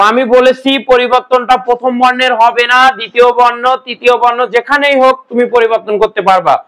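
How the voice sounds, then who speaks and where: A man's voice: extremely high pitch, a bit bright, rough recording. A young man teaching a grammar class, lecturing and quizzing his students with repeated questions.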